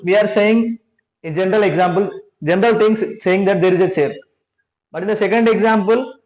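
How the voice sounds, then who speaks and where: A man's voice: high voice, a little mellow. A man teaching grammar, explaining step by step with many restarts and frequent checks of "right?". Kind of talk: classroom grammar lesson. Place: classroom with a board. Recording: echoey room.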